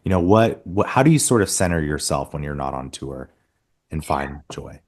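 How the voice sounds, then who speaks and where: A man co-hosting an interview podcast, asking questions in an enthusiastic, excitable way. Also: a bass voice, moderate pace. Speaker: podcast co-host. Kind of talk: casual interview chat.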